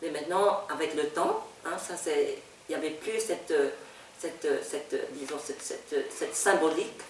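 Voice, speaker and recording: A woman's voice: low voice, a little hiss or hum. Older Vietnamese-accented woman, echoey and distant. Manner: halting, repeats words, laughs often. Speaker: novelist. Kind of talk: reminiscing in an interview. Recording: echoey room, speaker off-mic.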